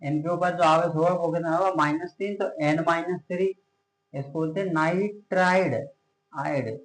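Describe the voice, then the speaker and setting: A man teaches a science lesson at a board. His voice sits a little high and echoes around a bare room. He drills his points by asking a question and then answering it himself, stretching out each key term. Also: steady tone, normal speed. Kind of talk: classroom chemistry lecture at a board.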